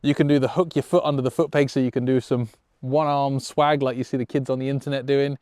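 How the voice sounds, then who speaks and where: A man's voice: medium pitch, level tone, fast talker, darkish tone. A man presenting a motorcycle tutorial, explaining in an enthusiastic, encouraging and conversational way. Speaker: motorcycle riding instructor and show presenter.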